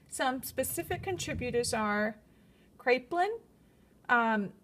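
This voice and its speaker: A woman with a slight lisp from new braces gives a semi-scripted student presentation, reading prepared points in an explanatory way. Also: a little high.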